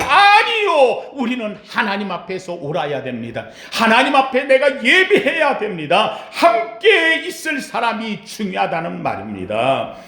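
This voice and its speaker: A male pastor preaching a sermon with passion, sometimes shouting to stress his point. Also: high-pitched, creaky, reverberant. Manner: impassioned preaching, shouting out the pleas of the blind beggar.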